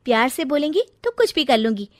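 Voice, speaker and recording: A woman voicing a sassy young daughter-in-law, very high. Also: sing-song, fairly quick, no room sound, clean studio sound. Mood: defiant. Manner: sassy, talks back. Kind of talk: storybook drama acting.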